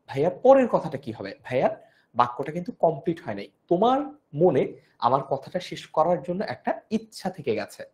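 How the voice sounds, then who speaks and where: Young Bangladeshi male tutor, slightly high voice, strained throat, repetitive explainer for a live class. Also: a little mellow. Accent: Bangladeshi Bengali. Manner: explanatory, repeats key points, asks "ঠিক আছে?". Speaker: online tutor. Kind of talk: live online grammar class.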